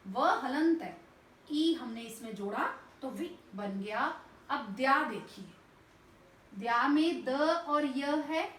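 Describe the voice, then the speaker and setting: Woman teacher, high voice, slow and patient, spells sounds one by one, distant mic, echoey room, faint hiss. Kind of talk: classroom lesson explaining spelling.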